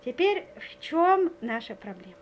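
A woman's voice: high voice, sing-song, measured pace, lo-fi sound, slight background noise. A woman giving a spiritual lecture full of stories. She speaks earnestly, often checks whether her listeners follow, and hesitates with many filler sounds. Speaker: religious lecturer.

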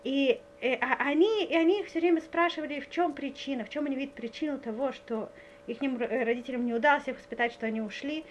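A woman with a high voice gives an earnest spiritual lecture, weaving in stories and pausing often on filler sounds. She keeps checking that her listeners follow along. The recording is dull and lo-fi, with a faint hum underneath. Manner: hesitant with frequent filler sounds. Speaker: religious lecturer.

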